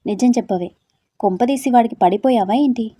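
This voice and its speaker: A woman voicing teasing, scolding young women friends who nag loudly in an audio story. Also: on the high side, brisk, lightly acted. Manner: loud, nagging, exasperated.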